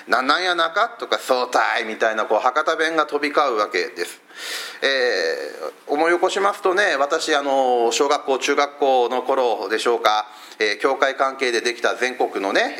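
A middle-aged male pastor from Fukuoka, giving a chatty sermon to a church service that is streamed online, with lots of filler sounds between phrases. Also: medium pitch. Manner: warm, conversational preaching with frequent fillers.

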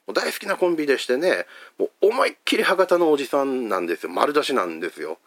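A middle-aged man from Fukuoka with a Hakata accent, preaching a gentle, chatty sermon with many fillers. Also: mid-range voice, very animated, fast talker, no echo. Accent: Hakata dialect. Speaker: pastor.

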